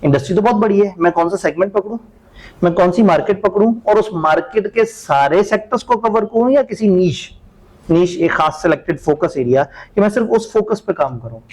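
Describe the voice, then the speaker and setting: A man's voice: high-pitched, fairly quick, a little mellow, low-quality recording. Man lecturing a class. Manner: conversational, asks rhetorical questions and answers them.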